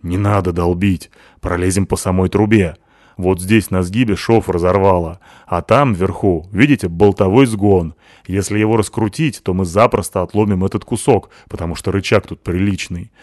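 A tough, crude woman speaks bluntly and gruffly, in a low, deep voice that a man puts on. Her lines land loud and plain in a dry, close recording. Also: moderate pace, no room sound, lightly acted. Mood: matter-of-fact.

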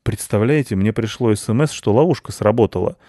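A man voicing a cheerful young father in a storybook reading, casual and lively. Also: mid-range voice, moderate pace, dry recording, clean studio sound, voice pushed up. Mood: surprised.

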